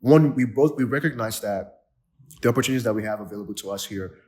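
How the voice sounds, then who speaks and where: A Nigerian podcast host, voice fairly low and a little mellow, speaks quickly during a laid-back interview chat. He's enthusiastic, and his talk is full of fillers and false starts.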